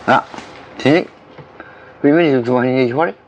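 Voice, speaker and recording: A man telling a story in a casual, halting way, full of fillers and curses. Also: medium pitch. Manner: rambling and halting, many fillers and profanity. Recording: dull recording with faint background noise.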